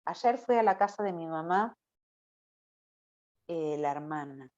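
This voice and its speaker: A woman's voice: fairly low pitch, animated, takes it slowly, a little mellow. A woman preaching to a church youth group in a conversational way, often closing her phrases with a questioning "no?". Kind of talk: informal Bible teaching sermon. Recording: dull lo-fi recording.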